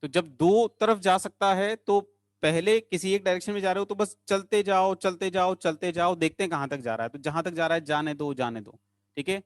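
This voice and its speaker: A man with a slightly high voice teaching a chemistry class online. He coaxes his students along, repeating short phrases in a sing-song lilt, recorded close and dry. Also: fairly even intonation, a little fast, no echo.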